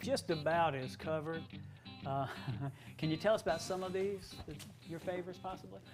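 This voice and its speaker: A man's voice: on the high side, little pitch movement, moderate pace, over music. A man hosting a show, putting casual questions to his guest. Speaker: show host interviewing a guest.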